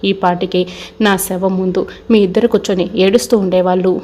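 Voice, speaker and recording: Woman voicing a distraught mother in a serial retelling; even, subdued. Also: medium pitch, fairly quick, natural voice. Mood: distressed. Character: distraught mother of grown children.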